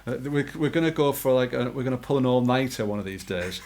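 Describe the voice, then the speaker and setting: A man co-hosting a podcast in a relaxed way, joking and often trailing off quietly. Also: medium pitch, fast, gravelly, over a noisy crowd. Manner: easygoing, laughs often, trails off softly. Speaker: podcast co-host. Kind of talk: casual podcast chat.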